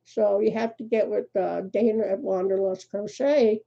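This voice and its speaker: Older woman, gravelly, mellow tone, muffled lo-fi stream audio. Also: mid-range voice, steady tone, normal speed. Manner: chatty, laughs often, greets viewers by name. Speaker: crochet livestream host. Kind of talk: casual live chat.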